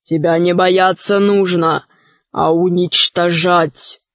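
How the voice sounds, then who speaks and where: A brash young bogatyr hero booms out his lines low and slow, stern and sure of himself, as a woman reader puts him on. The storybook voice sits close and dry, with no room around it. He drags each phrase out with heavy self-importance. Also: fairly even intonation, dry recording. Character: boastful hot-headed young male bogatyr hero. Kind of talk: audiobook character voice.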